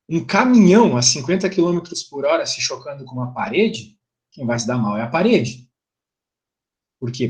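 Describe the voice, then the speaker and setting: A middle-aged Brazilian man with a voice on the high side teaches an online physics class. He's chatty and keeps asking his students rhetorical questions.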